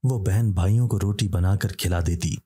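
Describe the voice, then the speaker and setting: Low husky male horror-story narrator. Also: moderate pace, warm tone.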